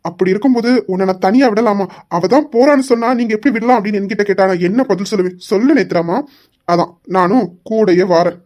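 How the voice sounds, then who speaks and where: A woman's voice: medium pitch, a little mellow, natural voice. A woman voicing a young husband who teases his wife and insists on going along with her. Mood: teasing. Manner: mock-sweet teasing, drawn-out pleading. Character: young husband, teasing and stubborn.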